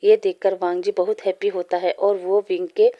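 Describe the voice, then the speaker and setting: A woman narrating a fan fiction story aloud in a steady, plain reading voice. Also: mid-range voice, moderate pace, lo-fi sound.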